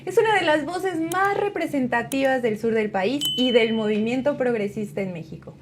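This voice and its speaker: High-voiced female interview host. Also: normal speed, noisy background. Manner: formal, read introduction. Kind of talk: scripted introduction then interview. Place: studio.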